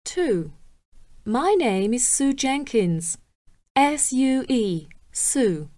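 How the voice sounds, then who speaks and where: High, very slow woman reader. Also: big pitch swings, mellow, dry recording. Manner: very slow, carefully enunciated, spells out names. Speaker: exam recording reader. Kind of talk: scripted listening exercise.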